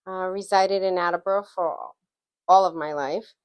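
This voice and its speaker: A woman's voice: lowish voice, steady tone, moderate pace, smooth. A middle-aged woman from Guatemala, a guest recalling her life in a reflective, storytelling way. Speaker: interview guest. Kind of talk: casual interview.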